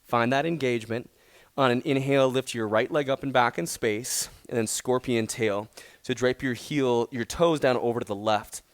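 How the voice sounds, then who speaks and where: A man teaching a power yoga class, giving calm, encouraging step-by-step cues and gentle praise. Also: medium pitch, normal speed, no room sound. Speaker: yoga instructor. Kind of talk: guided yoga class instruction.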